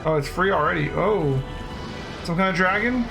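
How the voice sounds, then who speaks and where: A man's voice: high-pitched, expressive, normal speed, creaky, music in the background, rough recording. A man giving casual let's play commentary as he reacts to a video game. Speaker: game streamer.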